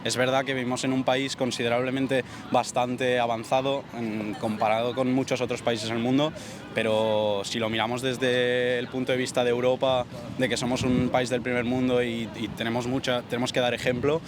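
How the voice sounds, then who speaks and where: A man's voice: medium pitch, little pitch movement, moderate pace. Man, reflective vox pop, hesitant, traffic noise. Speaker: passer-by interviewed. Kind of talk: street interview answer. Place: outdoors on a city street.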